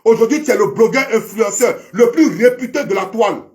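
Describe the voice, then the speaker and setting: A man's voice: extremely high pitch, lively intonation, a little fast, a little mellow. A man delivering a preachy, repetitive monologue to a fellow online commentator, heavy with proverbs and addressing him as brother. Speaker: social media commentator. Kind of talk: impassioned monologue to camera.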